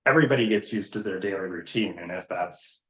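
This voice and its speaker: A man hosting a podcast, asking casual interview questions in a halting way and often repeating his opening words. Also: deep voice, fairly bright tone, roomy sound. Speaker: podcast host.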